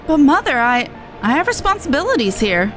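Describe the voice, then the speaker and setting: The same earnest tribeswoman from the fantasy game, a dutiful resistance veteran, is read by a woman in a high, expressive, animated voice. This time she speaks fairly quickly and sounds earnest and resolute, with music playing behind.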